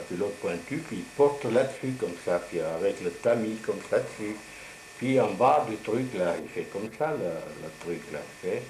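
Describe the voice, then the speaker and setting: An elderly man in his 70s or older, with a grandpa voice that's lowish and a little mellow, casually reminisces about his past. His stories ramble in a colloquial, old-man way. A camcorder microphone across the table in his living room captures it, making for a roomy, noisy home recording.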